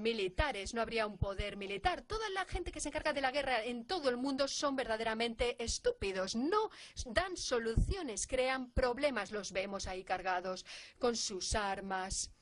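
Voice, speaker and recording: A woman's voice: mid-range voice, no echo. A woman interpreting a lecture, in an earnest, emphatic way with rhetorical questions.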